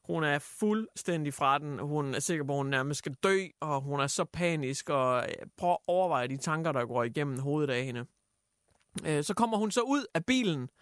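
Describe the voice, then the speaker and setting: Livlig mand med høj stemme. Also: male voice, fairly high pitch, clean tone, dry recording, studio quality. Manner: animated storyteller, acts out quotes, many fillers. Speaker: radio host. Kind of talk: casual chat, retelling news stories.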